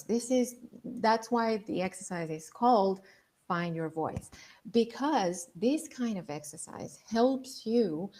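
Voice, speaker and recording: A woman's voice: medium pitch, darkish tone. A woman giving an instructional lesson as a voice and public-speaking coach, explaining with emphasis on key words.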